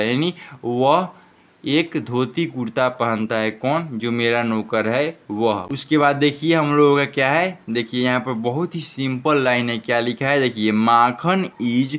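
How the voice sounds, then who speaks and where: A man's voice: mid-range voice, a bit bright, smooth, highs cut off. A man teaching an English reading lesson, spelling out each word letter by letter and answering his own questions. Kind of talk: classroom lesson.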